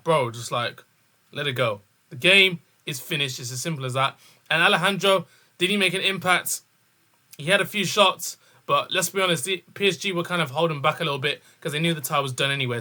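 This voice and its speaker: Young man, London accent, urban street slang, slightly high pitch, sharp bright voice, emphatic repetition, informal football channel host. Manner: emphatic, repeats phrases.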